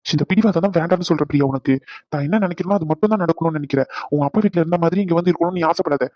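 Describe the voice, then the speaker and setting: A man's voice: on the high side, very fast, dry recording, natural voice. A man voicing an irritated young husband in a cartoon, exasperated and pleading by turns, on a dull lo-fi recording. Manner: exasperated, pleading then snapping.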